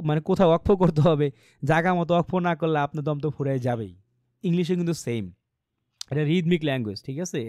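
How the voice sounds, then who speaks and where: A man with a fairly high voice leads an online English lesson, speaking patiently and drawing out example phrases slowly to show the stress. His voice comes through a computer microphone on a video call, with a dry, close sound. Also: darkish tone, no room sound. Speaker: English teacher. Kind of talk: online class instruction. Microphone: computer mic on a video call.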